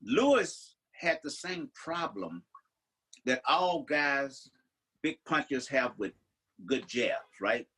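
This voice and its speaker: A man's voice: medium pitch, big pitch swings, slow, bright, forceful tone, breathy edge, low-quality recording. An older man co-hosting a podcast in casual chat, telling stories and restarting his sentences often. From United States. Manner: rambling storyteller, many restarts. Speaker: podcast co-host.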